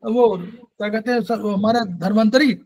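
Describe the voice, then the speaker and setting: A man with a strikingly high voice leads an acupressure lesson, answering students and going over points again and again. He slips English technical terms into his speech. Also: normal speed, darkish tone, rough recording. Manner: explains in plain terms, repeats points, Hindi mixed with English terms. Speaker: acupressure teacher. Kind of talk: classroom Q&A on acupressure.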